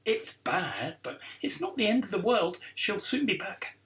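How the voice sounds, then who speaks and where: A man voicing a calm, firm young schoolgirl in a children's book reading. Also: high voice, a little slow, exaggerated voice. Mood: reassuring. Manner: reassuring, firm.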